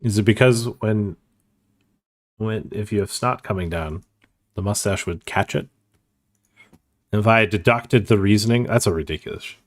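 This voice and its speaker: A man's voice: lowish voice, moderate pace, pauses often. A man streaming online poker, thinking aloud in casual, self-mocking commentary and swearing freely.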